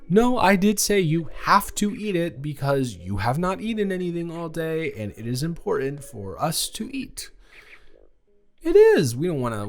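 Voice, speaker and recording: A man in his young adult years performs a sweet college student in a romantic audio roleplay, teasing playfully in a casual, halting way with repeated words. His pitch is fairly high, and the mood is affectionate and playful.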